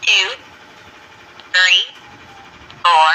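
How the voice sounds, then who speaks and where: A woman's voice: on the low side, steady tone, drawn-out words, pushed and bright, slight background noise. A woman's recorded voice prompt played from a walkie-talkie speaker, giving clipped, evenly spaced announcements. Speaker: device voice prompt.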